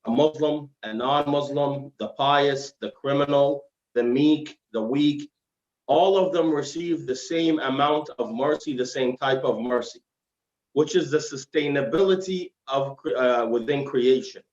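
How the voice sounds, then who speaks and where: Through roomy, dull live-stream audio, a man with a medium-pitched voice speaks at a measured pace. He's an Islamic scholar giving a guest lecture, a religious lesson in dialogue form, formal and explanatory with Arabic phrases woven in, and his diction sounds slightly slurred and heavy-tongued.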